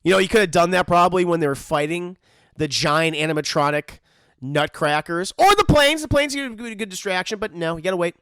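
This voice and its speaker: A man hosts a casual, joking commentary on a cartoon episode, animated and mock-voicing the characters. His fairly high, gravelly voice leaps all over, bright and tense, and he talks briskly. A close mic gives a dry recording.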